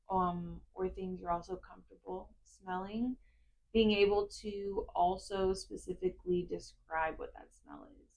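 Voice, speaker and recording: Woman, calm grounding exercise instruction, mid-pitched voice, explanatory, step-by-step delivery. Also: low-quality recording. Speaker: therapist explaining a grounding technique.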